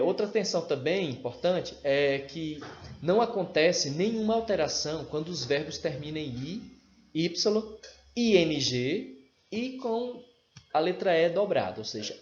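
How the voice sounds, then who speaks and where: Patient teacher spelling out letters. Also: male voice, a little high. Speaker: English teacher. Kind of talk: grammar lesson. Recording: roomy, dull lo-fi with faint noise.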